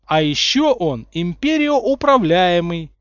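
A man's voice: high-pitched, sing-song, slow pace, fairly bright tone, dry recording, muffled recording, pitched above the performer's own voice, full character voice. Harry Potter, a man playing him as a sarcastic teen wizard. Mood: cocky, mocking. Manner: sarcastic, flippant. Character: cheeky mocking teenage boy wizard.

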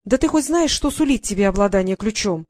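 A woman's voice: on the high side, expressive, normal speed, a little mellow, no room sound, clean studio sound, voice pushed up. A woman voicing a tiny, haughty female fairy courtier who lectures and gets irritated easily. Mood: irritated lecturing. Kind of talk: audiobook character voice.

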